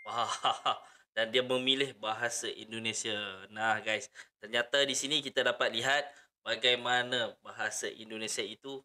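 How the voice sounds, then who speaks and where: A man's voice: medium pitch, fairly even intonation, moderate pace, pushed and bright. A man with a Malaysian accent hosting a casual reaction video, often addressing his viewers directly. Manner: repeats and echoes phrases, addresses viewers often.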